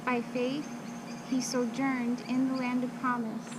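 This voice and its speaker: A woman recites Bible verses by rote, as if from memory. Her voice sits a little high and moves very slowly, in short measured phrases separated by pauses. Loud noise runs behind her throughout the recording. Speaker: scripture reciter. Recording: loud steady background noise.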